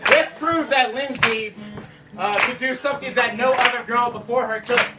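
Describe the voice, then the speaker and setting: A man's voice: very high-pitched, steady tone, moderate pace. A young man giving a playful best man's wedding toast, switching between speech and comic sung verses. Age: young adult. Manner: playful, performing to the guests. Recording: distant mic, loud music behind.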